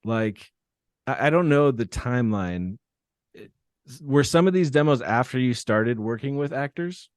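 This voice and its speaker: A man's voice: mid-range voice, lively intonation, measured pace, no room sound, studio quality. A man hosting a podcast, asking rambling, enthusiastic questions in casual chat. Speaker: podcast host.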